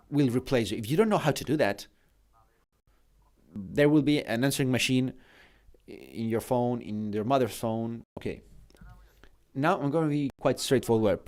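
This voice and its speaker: A man's voice: medium pitch, darkish tone. Middle-aged guy giving a keynote, earnest and punchy, choppy english. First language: Spanish. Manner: emphatic and earnest, in halting non-native English. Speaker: keynote speaker. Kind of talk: motivational conference talk.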